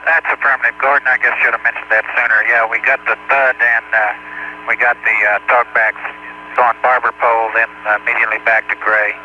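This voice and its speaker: A man's voice: mid-range voice, level tone, a little fast. A man, an astronaut in flight, talking to mission control in a clipped, matter-of-fact way over a distant, breaking-up space-to-ground radio link. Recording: muffled archival space radio with hiss.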